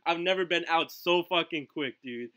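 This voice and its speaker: Bright-voiced teenage guy telling a profane story. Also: a little high, moderate pace. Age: teens. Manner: profane, excitable, with constant fillers and "right?" tags. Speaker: livestream podcast host. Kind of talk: casual storytelling on a live stream. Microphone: home stream mic with glitchy audio.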